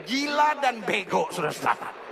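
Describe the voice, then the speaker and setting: A man's voice: sits high, sing-song, moderate pace, gravelly. A man preaching with scornful, repetitive phrases, heard a little off-mic over a crowd at a church service. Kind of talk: sermon commentary.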